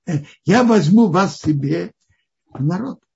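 Teaching the weekly Torah portion, a man speaks in a very husky, gravelly voice pitched slightly high, with a darkish tone and lively intonation. He thinks aloud haltingly, restarting phrases, on a dull, lo-fi recording.

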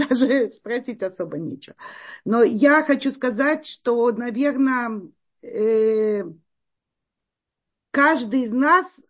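A meeting moderator welcomes listeners and poses a question. The delivery is hesitant, with many fillers and restarts. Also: medium pitch. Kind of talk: hosting an interactive meeting.

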